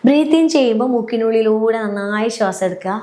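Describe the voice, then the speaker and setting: Calm woman coaching relaxation. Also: fairly high pitch, quick pace. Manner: calm, step-by-step, often checking "clear?". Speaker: happiness coach. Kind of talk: guided relaxation instruction.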